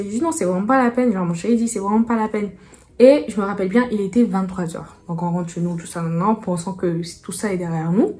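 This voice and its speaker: A woman's voice: medium pitch, a little mellow. A young woman vlogger telling a personal story in a chatty storytime style, acting out the dialogue with lots of fillers. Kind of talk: casual storytime.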